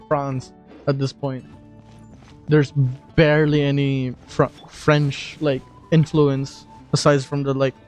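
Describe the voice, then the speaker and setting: A man's voice: on the high side, darkish tone. Chatty self-mocking streamer man. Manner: chatty, self-deprecating, laughing. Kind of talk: casual commentary while gaming.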